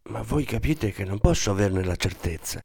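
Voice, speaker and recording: A man's voice: lively intonation, moderate pace, vocal fry, slightly rough, heavily acted. A man voicing a nervous, evasive priest. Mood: pleading. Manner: defensive, pleading, higher and softer. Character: evasive middle-aged male priest, school director.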